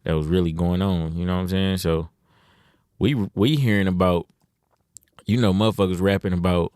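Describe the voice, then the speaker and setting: A man's voice: sits low, fairly even intonation, normal speed, darkish tone, clean tone, no echo, studio quality. A young man from Detroit, a rapper talking as a podcast guest in laid-back slang, dropping "you know what I'm saying" often. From Detroit, USA. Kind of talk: casual interview.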